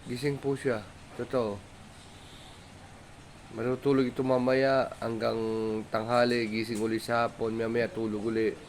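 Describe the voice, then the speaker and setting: A man filming his pet dog at home, gently coaxing it and chatting about its habits. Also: medium pitch, level tone, moderate pace, long pauses. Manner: soft coaxing talk to the dog, mixed with chatty explaining. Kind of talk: casual home vlog, talking to a dog. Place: home, indoors. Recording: noisy home recording with a dog.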